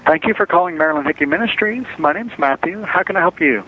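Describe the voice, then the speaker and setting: A man's voice: a little high, animated, quick pace, breathy edge. A man working a ministry order line, heard over a phone line, polite, patient and apologetic with a caller. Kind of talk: customer service phone call. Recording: tinny, dry phone line.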